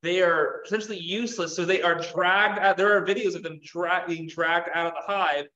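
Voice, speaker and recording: Young man, casual talk, bright forceful voice, roomy echo, heard from a distance. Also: high-pitched, fairly even intonation, a little fast, dull audio. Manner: chatty, loose, many fillers and restarts. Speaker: beekeeping presenter. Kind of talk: casual slide-show talk. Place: meeting room, indoors. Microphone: far camera. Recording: echoey room from far off.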